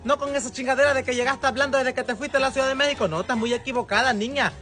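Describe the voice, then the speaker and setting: A man's voice: very high-pitched, fairly quick. Man putting on a scolding coastal village mother. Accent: Mexican coastal. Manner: scolding, loud and exasperated. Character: brash middle-aged village mother, scolding and bossy. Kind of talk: comedy sketch acting.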